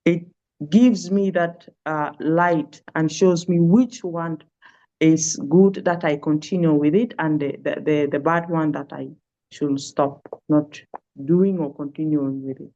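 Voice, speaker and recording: Slow, halting woman on a call. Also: low-pitched, dark tone. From South Sudan. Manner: hesitant, searching for words with many fillers. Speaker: pastoral care and trauma healing worker. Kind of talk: webinar interview answers. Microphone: video call. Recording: dull lo-fi call audio.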